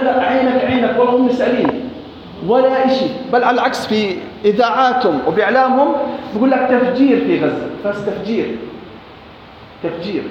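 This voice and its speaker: A man with a Levantine Arabic accent preaches in a high, fast, impassioned voice. He drives his points home with repeated phrases and sworn oaths. His voice booms through a big echoing hall with a long reverb tail, with faint noise underneath. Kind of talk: sermon. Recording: echoey hall, dull lo-fi recording.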